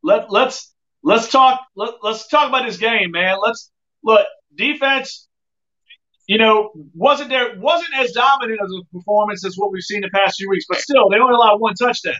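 A high-pitched man with a bright, sharp voice talks sports over a call. His sound is robotic and tunnel-like, as if through a phone or headset mic. It has thin, lo-fi quality. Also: normal speed. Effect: robotic, tunnel-like phone-call audio. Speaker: sports podcast co-host.

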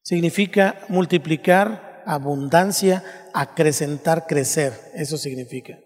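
A man's voice: a little high, unhurried, long reverb tail. A male pastor teaching a sermon, explaining step by step and asking his listeners rhetorical questions.

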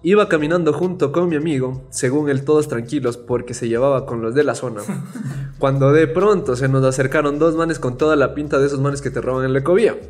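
A man's voice: mid-range voice, darkish tone, faint music behind. A man with an Ecuadorian Spanish accent who hosts the show, reads listener stories aloud and jokes in slang. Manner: joking, slangy, quick to laugh. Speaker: podcast host. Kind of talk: casual chat, reading listener stories.

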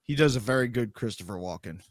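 A man's voice: mid-range voice, lively intonation, quick pace, dry recording, studio quality. A man co-hosting a podcast with casual anecdotes and banter, blunt and heavy on the swearing. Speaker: podcast co-host.

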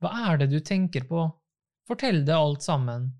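A man's voice: on the high side, darkish tone, natural voice. A man reading the part of an anxious, loving young bride in an audiobook.

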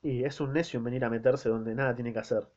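An Argentine man voicing a fierce, sharp-tongued wife, scolding and accusing, in a slightly muffled recording. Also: mid-range voice, fairly even intonation, fast talker, lightly acted.

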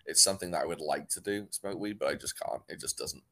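A young North Walian co-hosts a casual podcast, rambling, restarting sentences, and laughing a lot. His North Welsh accent leans closer to English. He talks fast in a low, somewhat bright voice.

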